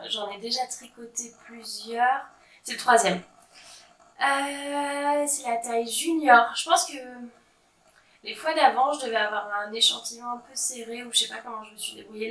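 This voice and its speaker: A woman's voice: on the high side, bright, forceful tone. A woman in her thirties chatting casually about her knitting projects, with frequent fillers and a self-mocking humor. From France. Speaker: knitting vlogger. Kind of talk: casual show-and-tell chat. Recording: echoey room, voice a bit far from mic.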